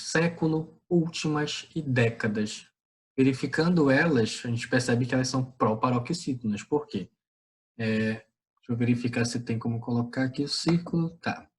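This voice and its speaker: A man's voice: medium pitch, normal speed. A man with a Brazilian Portuguese accent teaching a class, asking questions and then answering them himself. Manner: didactic, asks and answers his own questions. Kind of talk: online class explanation.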